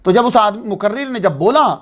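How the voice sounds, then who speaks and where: A man's voice: high-pitched, expressive. A man giving a religious lecture to a congregation, explaining patiently and asking and answering his own questions. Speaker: religious speaker.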